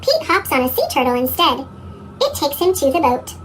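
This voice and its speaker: A narrator with a squeaky cartoon chipmunk voice effect reads a children's story in a lively way. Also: a little hiss or hum. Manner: slow, lively reading. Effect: pitched-up chipmunk voice effect. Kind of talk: scripted children's story read-aloud.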